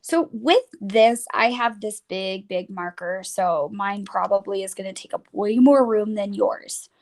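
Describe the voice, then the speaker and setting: A young woman speaks at a measured pace in a medium pitch, teaching phonics to children. As she draws, she chats casually and says "like" a lot.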